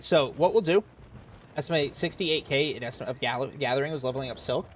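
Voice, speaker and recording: A man's voice: a little high, a bit bright, a little hiss or hum. Chatty American man streaming a game. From Florida, USA. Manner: chatty, explains while playing, reads chat aloud. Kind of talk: casual live-stream commentary.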